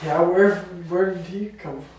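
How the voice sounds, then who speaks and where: A man hosting a podcast in casual chat, curious and firing off quick questions. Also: sits high, a little mellow. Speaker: podcast host. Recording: echoey room, distant mic, crowd noise.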